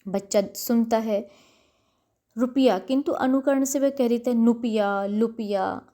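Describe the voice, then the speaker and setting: A woman's voice: fairly high pitch, unhurried, warm tone. A middle-aged woman lecturer giving a recorded university lecture, explaining carefully and repeating words to show their pronunciation. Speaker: college lecturer.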